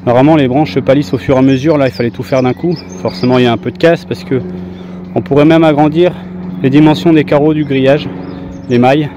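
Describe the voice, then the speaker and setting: A man's voice: medium pitch, steady tone, fast, lo-fi sound, background noise. A man hosting a gardening video, explaining each step in a plain-spoken, colloquial, instructional way. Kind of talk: casual instructional gardening narration.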